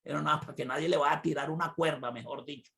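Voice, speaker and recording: A man preaching a sermon, retelling a Bible story with lively swings from loud cries to quiet asides. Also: fairly high pitch, quick pace, vocal fry.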